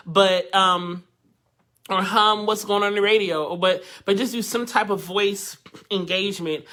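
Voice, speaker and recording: Bright-voiced chatty male voice teacher. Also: high-pitched. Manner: chatty, interactive, laughs often, greets viewers. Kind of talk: live online vocal workshop.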